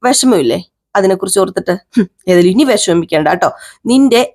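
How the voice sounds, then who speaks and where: A woman's voice: mid-range voice, expressive, brisk, a little mellow. A woman voicing a caring young husband who coaxes his wife fondly and scolds her in mock sternness.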